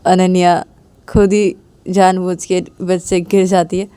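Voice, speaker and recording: मुलायम आवाज़ वाली कहानी सुनाने वाली महिला. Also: female voice, lowish voice, level tone, unhurried, mellow, clear, resonant tone. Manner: plain, repetitive narration. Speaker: storyteller. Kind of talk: casual storytelling narration.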